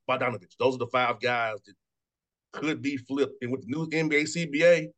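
A man in his thirties, a sports radio host, talking fast and casually, repeating words and laughing often. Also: medium pitch, fairly bright tone. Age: 30s. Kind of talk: casual sports talk interview.

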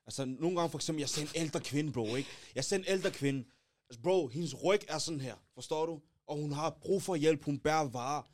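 A young man in a casual podcast chat, talking in a laid-back, slangy way. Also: a little high. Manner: laid-back, slangy, often says bro.

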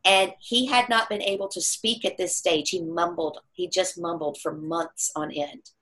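A woman's voice: on the low side, moderate pace. A middle-aged woman telling a personal story in conversation, acting out the voices of the people she quotes. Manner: animated storyteller who acts out quoted voices.

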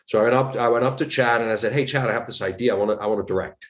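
As a guest on an interview, an actor from Switzerland tells lively stories in a relaxed way, performing the lines of the people he quotes. He has a Swiss German accent and a mid-range voice that races along.

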